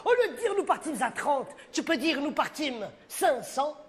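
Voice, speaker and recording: An actor playing a streetwise theatre producer who talks in casual slang in a stage comedy sketch. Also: male voice, very high voice, big pitch swings, a little fast, full character voice. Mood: persuasive. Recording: live stage with audience noise.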